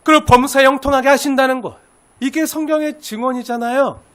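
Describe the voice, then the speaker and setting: Pastor guy preaching, super high voice, keeps throwing questions at the crowd. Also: steady tone, fast, a bit bright. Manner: emphatic, many rhetorical questions to the congregation. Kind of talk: sermon.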